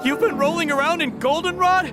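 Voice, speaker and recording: A man voicing a flustered, excitable young cat owner with a sneezing problem. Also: very high-pitched, brisk, over music. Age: young adult. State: sneezy, allergic. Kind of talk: cartoon voice acting.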